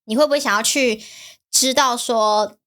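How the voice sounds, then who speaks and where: A woman co-hosting a podcast in casual chat, asking questions and giving quiet agreeing murmurs. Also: a little high, normal speed. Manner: quiet backchanneling, asks questions. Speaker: podcast co-host.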